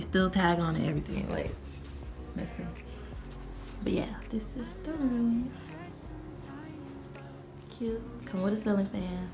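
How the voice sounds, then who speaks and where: Rambling young woman vlogging over music. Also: medium pitch. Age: 20s. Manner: rambling, full of "like" and "you know". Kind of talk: casual vlog chat. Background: background music.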